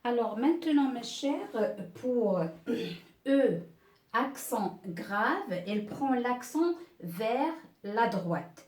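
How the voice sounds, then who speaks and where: A woman teaching beginners, with a slightly high voice and an unhurried, deliberate pace. She repeats each word and keeps checking that her pupils follow. The sound is echoey, as if recorded in a bare room. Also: animated, a little mellow. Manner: slow, patient, repeats words and checks with "d'accord?". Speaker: French teacher. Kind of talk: beginner French lesson.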